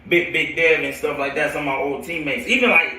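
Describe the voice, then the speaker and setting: On a casual storytelling livestream, a late-20s American football coach rambles through his own stories in slang, frequently repeating himself. He speaks briskly in a high-ish, fairly even, bright and forceful voice, sounding roomy and far from the microphone.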